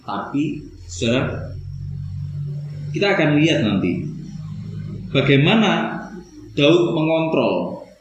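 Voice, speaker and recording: A man's voice: a little high, sing-song, takes it slowly, pauses often, muffled recording, noisy background. A man preaching a conversational sermon, often turning to his listeners as brothers and sisters. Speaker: pastor. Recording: very echoey hall.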